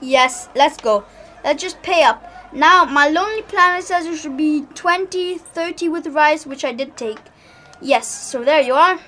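Lady doing a grumpy english dad abroad, high pitched, exasperated and fussy, comedy acting. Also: a little slow, bright, forceful tone, slight background noise. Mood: grudging. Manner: complaining, exasperated. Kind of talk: acted comedy drama.

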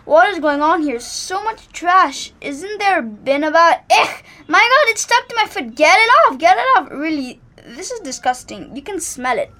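A woman's voice: high-pitched, expressive, unhurried, hardly any pauses, a bit bright. A woman playing a grumpy, fussy English father on holiday, complaining and exasperated, in an acted comedy drama. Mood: disgusted, exasperated.

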